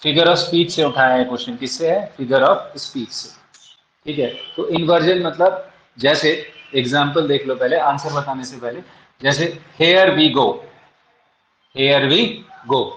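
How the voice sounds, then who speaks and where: A man's voice: fairly high pitch, takes it slowly, fairly bright tone, slight background noise. A man teaching English literature for an exam, asking rhetorical questions and answering them himself, with an Indian English accent. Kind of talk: exam-prep lecture. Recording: echoey, dull lo-fi room sound.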